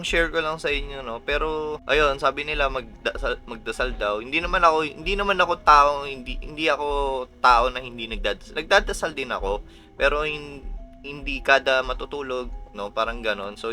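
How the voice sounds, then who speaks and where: A man's voice: medium pitch, sharp tone. Chatty Filipino man telling a nightmare story. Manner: chatty, often addresses listeners as "mga boss". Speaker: vlogger. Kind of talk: casual storytelling.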